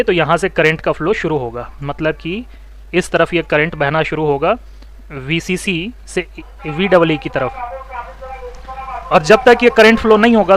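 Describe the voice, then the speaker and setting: A man teaching mobile phone repair, explaining circuits step by step, asking students questions and telling them to take notes, and talking fast. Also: high voice. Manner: talks fast, says so himself. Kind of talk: online electronics lesson.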